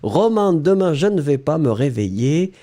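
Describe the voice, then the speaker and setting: A man's voice: sing-song, normal speed, warm tone. A man teaching French in a live lesson, reading viewers' comments aloud in a playful way and laughing often. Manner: playful, laughs often, exaggerated pitch swings.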